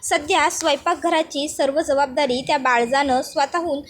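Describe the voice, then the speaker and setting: A woman narrating a TV serial recap in a brisk, conversational storytelling manner. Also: sits high, steady tone, a little hiss or hum. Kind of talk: casual narration of a serial episode.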